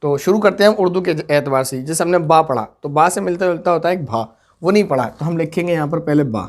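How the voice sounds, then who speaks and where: Guy teaching urdu letters, patient, says each word twice while writing, slightly high voice. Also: animated, fast. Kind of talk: online script lesson, explaining step by step.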